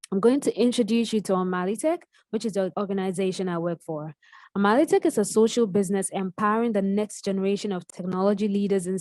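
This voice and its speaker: A woman's voice: medium pitch, warm tone, no room sound. A woman hosting an interview, reading a formal introduction and then asking questions. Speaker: interviewer and host.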